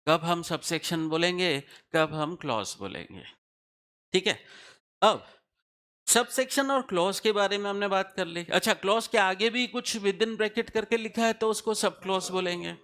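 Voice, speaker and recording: In a classroom lecture on tax law, a man with a high, fairly bright voice speaks a little slowly. He explains things step by step and keeps asking his students questions to make sure they follow.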